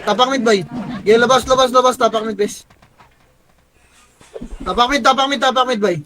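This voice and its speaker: A young man with a very high voice leads his guild over voice chat during a live game. He barks short orders again and again, counts down pushes and swears often. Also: steady tone, pushed and bright, a little hiss or hum. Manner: rapid repeated commands, frequent cursing. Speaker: guild shot caller.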